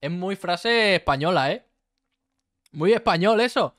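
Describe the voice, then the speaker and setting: A man's voice: high voice, animated, measured pace, a bit bright, dry recording, studio quality. A young man from Spain with a Spanish accent, chatting casually as he reacts to a song, easygoing and full of restarts. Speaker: music reaction host.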